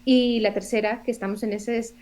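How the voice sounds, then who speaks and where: A woman in her forties from Colombia, a theatre director and playwright speaking as a podcast guest in a reflective, earnest way, often pausing to search for words. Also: fairly high pitch, flat delivery, a little mellow. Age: 40s. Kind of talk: podcast interview conversation.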